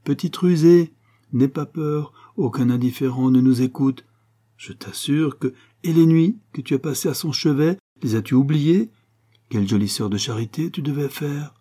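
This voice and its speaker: A man's voice: medium pitch, moderate pace, mellow, slightly rough, voice pushed up, natural voice. A man reading aloud, voicing a mischievous young woman who teases her sister in a playful, bantering way. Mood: teasing.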